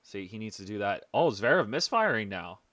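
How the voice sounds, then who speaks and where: A young man giving casual live-stream tennis commentary from home, chatty and excitable, joking with people in the room. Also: fairly low pitch, a little fast, no room sound.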